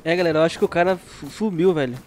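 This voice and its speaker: A man's voice: on the high side, very fast, darkish tone, soft background music. Slangy Brazilian young man gaming. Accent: Brazilian Portuguese. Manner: slangy, laughs often. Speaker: gameplay streamer. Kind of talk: casual gameplay commentary.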